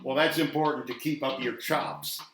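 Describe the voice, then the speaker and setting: A man's voice: mid-range voice, steady tone, moderate pace, a bit bright. A man hosting a children's show, chatting playfully with lots of giggles and reading a storybook aloud. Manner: giggly, talks to kids. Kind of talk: playful kids' show chat and read-aloud. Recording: roomy echo, faint music.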